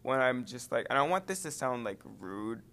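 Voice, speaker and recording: A man's voice: mid-range voice, very animated, fairly quick, fairly bright tone. A teenage boy chatting casually, rambling and hesitant with lots of fillers. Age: teens. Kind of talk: casual chat.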